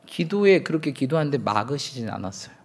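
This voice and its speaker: Gravelly-voiced man preaching. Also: mid-range voice, sing-song, fast. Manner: candid, self-mocking storytelling with acted quotes and laughter. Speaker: pastor. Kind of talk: sermon.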